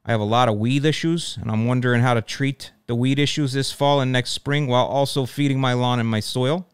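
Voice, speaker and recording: A man's voice: mid-range voice, fairly even intonation, a little fast, clean tone, no room sound, lightly acted. A man reading a viewer's letter aloud in a put-on Chicago accent, voicing an eager, chatty male homeowner from the suburbs. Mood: friendly.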